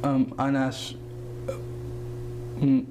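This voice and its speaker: A man's voice: medium pitch, completely flat delivery, extremely slow, background noise. A young man co-hosting, asking interview questions hesitantly with many fillers and restarts. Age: young adult. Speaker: co-host interviewer. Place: studio with green screen.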